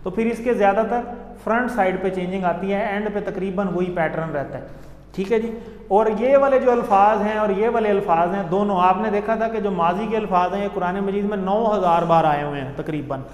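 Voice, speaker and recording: A man's voice: high voice, fairly quick, roomy sound, in a large hall. A male teacher giving a classroom grammar lesson, patiently explaining step by step and leading the class through chanted drills.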